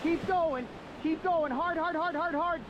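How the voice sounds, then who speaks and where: A rafting guide shouting paddling commands and encouragement outdoors over the loud rush of river water. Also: extremely high pitch, background noise. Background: rushing water and waves.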